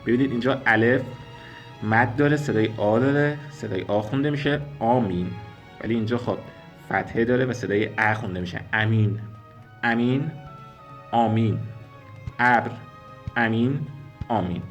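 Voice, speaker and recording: A man teaching a spoken language lesson, explaining slowly and repeating sounds and example words. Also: lowish voice, soft background music. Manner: slow, careful explanations, repeating and spelling out sounds.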